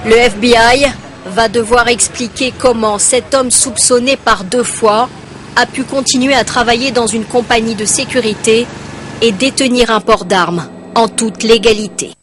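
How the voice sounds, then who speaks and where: A woman narrating a television news report in a clear, steady voice. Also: on the high side, measured pace.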